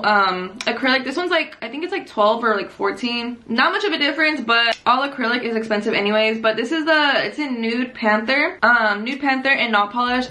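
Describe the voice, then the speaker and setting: A woman's voice: high voice, pushed and bright. A woman in her twenties vlogging casually while getting ready, chatty and slangy with lots of fillers, in a small bedroom on a camera mic. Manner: chatty, filler-heavy, slangy, laughs easily. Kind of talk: casual get-ready-with-me vlog. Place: small pink bedroom indoors.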